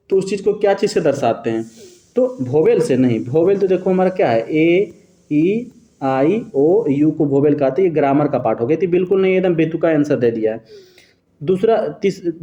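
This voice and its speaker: A man's voice: a little high, mellow. Man teaching in an echoey room. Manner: explains step by step and quizzes students with rhetorical questions; corrects himself mid-sentence. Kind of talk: exam-prep lesson explaining multiple-choice answers.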